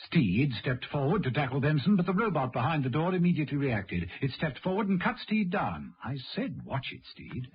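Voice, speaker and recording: Brisk and with few pauses, a man with a fairly high voice swings widely in pitch as he voices a radio serial's wry, dramatic narrator. The scripted lines cast him as an arch storyteller needling the hero, captured on a dull radio recording.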